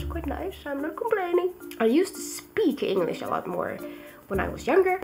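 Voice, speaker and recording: Though she's ill, this Swedish-accented vlogger stays chatty, giggly and playful while talking casually to camera. Her voice is on the high side and gravelly, with music running underneath.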